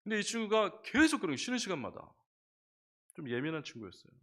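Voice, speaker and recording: A middle-aged man preaching a sermon as pastor in a church, conversational and lively, often asking the congregation questions. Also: high-pitched, quick pace. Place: church sanctuary.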